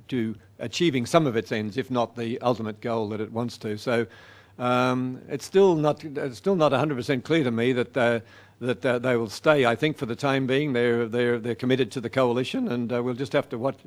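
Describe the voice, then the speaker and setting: A man answering audience questions after a lecture. He speaks in a halting, thoughtful way, pausing often and restarting his sentences. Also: mid-range voice. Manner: hesitant, many fillers and restarts. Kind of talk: public talk Q&A.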